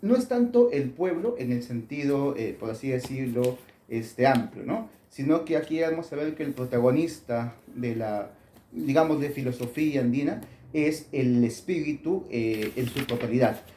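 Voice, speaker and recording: Guy explaining his book, halting, lots of ums, mellow tone, roomy echo. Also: medium pitch, expressive, slight background noise. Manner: thoughtful, many fillers and restarts. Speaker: author being interviewed. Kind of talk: academic interview answers.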